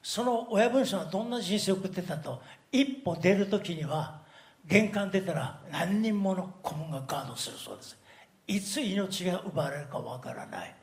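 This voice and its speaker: An older male pastor delivers a sermon through lively storytelling, his voice swinging widely in pitch. He laughs often while he talks and keeps the congregation engaged. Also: moderate pace, creaky.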